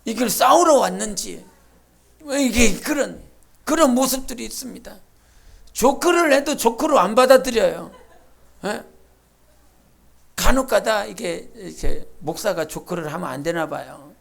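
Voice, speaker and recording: A woman pastor delivers a sermon in a church. Her mid-range voice has a gravelly, fry-edged texture. She preaches emphatically, jumping between loud bursts and quiet asides and acting out the quotes herself. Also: medium pitch, animated, a little slow, long pauses. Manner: acts out quoted speech and imitates sounds. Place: church sanctuary.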